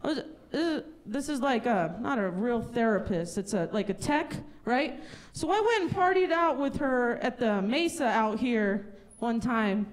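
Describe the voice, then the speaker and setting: On a stage before a live audience, a woman delivers a chatty, self-mocking stand-up set with loud character bits. Her voice is on the high side with lively intonation and a measured pace. Audience noise and laughter fill the venue.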